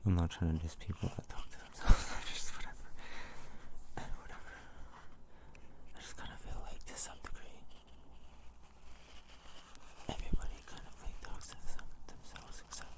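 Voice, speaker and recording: A person giving a casual whispered ASMR ramble in a soft, breathy, hesitant way that trails off. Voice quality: soft breathy whisper, low and creaky when voiced.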